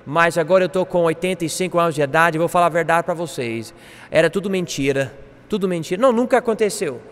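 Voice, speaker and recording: A man teaching a Bible class, animated, acting out quoted speech. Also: on the high side, quick pace, in a large hall. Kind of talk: classroom lecture.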